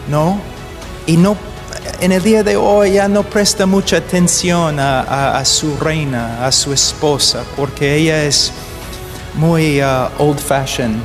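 Delivering a sermon in a hall, this man speaks a little high and takes his time, pausing to find his words before building to urgency and emphasis. Faint music and a lengthy reverb tail sit in the background.

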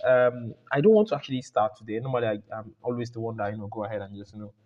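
Male book club host, rambling and loose, average pitch, dull lo-fi call audio. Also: very fast. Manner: rambling, many restarts and fillers. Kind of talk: casual voice chat hosting. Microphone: home mic on voice call. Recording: lo-fi voice chat audio.

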